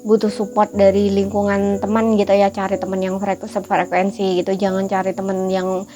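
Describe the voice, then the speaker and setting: A woman's voice: medium pitch, completely flat delivery, normal speed, mellow. A woman giving a casual, reassuring tarot reading, speaking in a chatty way with many fillers. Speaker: tarot reader.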